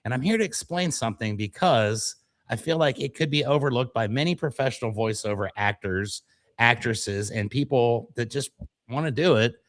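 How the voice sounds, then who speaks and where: A man's voice: medium pitch, normal speed. A man co-hosting a casual radio show, telling stories in a self-deprecating, mock-dramatic way. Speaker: show co-host and voiceover performer.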